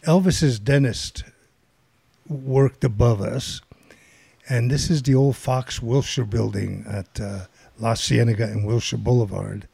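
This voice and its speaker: Gravelly older man telling a rambling story. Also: mid-range voice, fairly even intonation, unhurried, mellow, no echo. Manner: rambling, filler-heavy storytelling. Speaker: guest storyteller. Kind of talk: casual anecdote.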